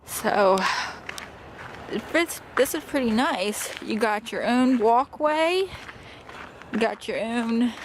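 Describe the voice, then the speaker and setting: Slow-talking woman vlogging outdoors, wind on mic. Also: a little high. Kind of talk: casual vlog chat. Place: outdoors in windy weather.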